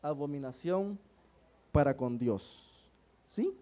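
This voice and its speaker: A man's voice: fairly high pitch, lively intonation, slow, dark tone. A man preaching a sermon in church, often turning to his congregation with questions and calling them brothers. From El Salvador.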